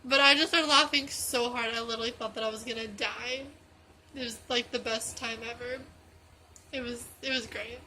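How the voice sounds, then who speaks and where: Bright high teen girl vlogger. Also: steady tone, normal speed, a little hiss or hum, poor audio. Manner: rambling, self-correcting, giggly. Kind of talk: casual storytelling vlog.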